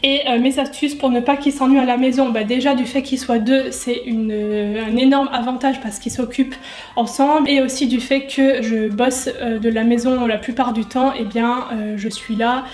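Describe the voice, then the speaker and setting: A woman's voice: a little high, steady tone, normal speed, darkish tone. A young woman, a lifestyle YouTuber, answering viewer questions in a casual vlog while she cooks at home, chatty and self-mocking with lots of fillers. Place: home kitchen. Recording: echoey kitchen sound.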